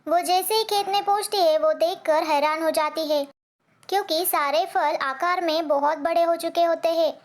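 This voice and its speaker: A woman's voice: extremely high pitch, steady tone, normal speed. A woman narrating a children's cartoon story in a simple, sing-song way.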